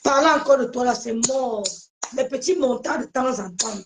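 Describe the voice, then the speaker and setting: A woman's voice: high voice, normal speed, a little hiss or hum, poor audio. A woman hosting a casual live stream, speaking emphatically to her viewers and often repeating her phrases.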